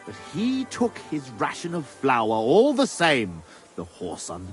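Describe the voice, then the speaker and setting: An actor playing a crude, proud bandit camp leader in a video game, blunt, domineering and scornful. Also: male voice, medium pitch, wildly swooping pitch, a little slow, soft background music. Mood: indignant. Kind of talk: video game dialogue acting.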